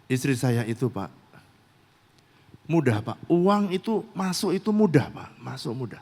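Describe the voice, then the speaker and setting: A man's voice: on the high side, very animated, a little slow, a little mellow, husky, full character voice. A man doing a sheepish, apologetic husband. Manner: explaining, apologetic. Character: sheepish husband, tight with money. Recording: long church-hall reverb.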